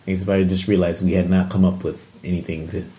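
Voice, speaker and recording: Guy with a low mellow voice, laid back podcast chat, laughs a lot and gets animated telling stories. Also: quick pace. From Japan. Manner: animated storytelling, laughs often. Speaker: podcast co-host. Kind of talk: casual chat.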